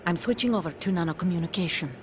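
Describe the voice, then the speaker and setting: An actress plays a guarded woman soldier carrying grief in a video game. The voice is on the low side, serious and restrained. Noticeable noise lies behind it. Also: racing, close to an everyday voice. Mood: guarded, urgent. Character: guarded, sorrowful female soldier, bereft mother. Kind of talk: dramatic video game acting.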